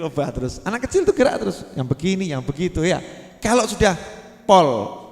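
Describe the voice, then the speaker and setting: Man, Javanese accent, preacher, animated delivery, large reverberant hall. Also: high voice. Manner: lively, asks the audience questions, acts out scenes. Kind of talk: religious lecture to a congregation. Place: prayer gathering in a large hall.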